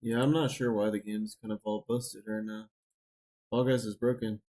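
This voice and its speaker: Speaking into a desk mic on a live game stream at home, a gaming streamer rambles casually to chat and a friend, filling his talk with fillers. His voice is lowish and mellow, with little pitch movement and a moderate pace, and the recording is rough.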